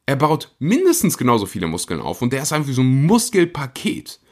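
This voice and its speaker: A middle-pitched man hosts his own podcast, talking casually with lots of energy and enthusiasm. He pushes ahead quickly, then slows down to stress a point.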